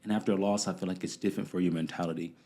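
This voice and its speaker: A young man talks in a low, deep register. He rambles earnestly through his answers, leaning on "you know" and "um" as he goes. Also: fairly even intonation, racing, mellow. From Amarillo, Texas. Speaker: guest, MMA fighter. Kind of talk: casual interview chat.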